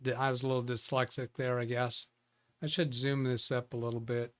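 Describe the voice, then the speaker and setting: Delivering flatly and a little fast in a mid-range voice, a man hosts a live tech stream in a casual, chatty style. He greets viewers by name and repeatedly restarts what he's saying.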